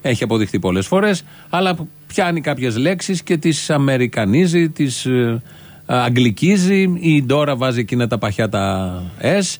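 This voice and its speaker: A man's voice: mid-range voice, lively intonation. Sarcastic male satire host. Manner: sarcastic, scornful, rhetorical questions. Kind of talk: sarcastic political commentary.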